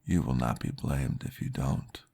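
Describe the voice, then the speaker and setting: A man voices a vampire therapist in an ASMR roleplay, speaking slowly in a deep, gravelly, warm tone. He stays fully in character, formal and reassuring.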